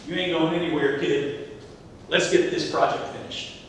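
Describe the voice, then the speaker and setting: An amateur actor plays a wry, folksy married handyman in a community theatre comedy, delivering his lines dryly at normal speed with a natural, fairly even voice. He's on a theatre stage, picked up by a distant microphone, so the sound is echoey and rumbling, as if from far across a hall.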